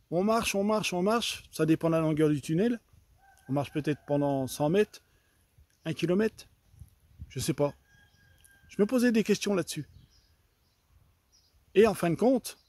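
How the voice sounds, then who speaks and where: A man giving an earnest personal faith testimony, halting and often repeating himself as he retells conversations in his own voice. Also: high voice, warm tone, dry recording. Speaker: church member giving a testimony.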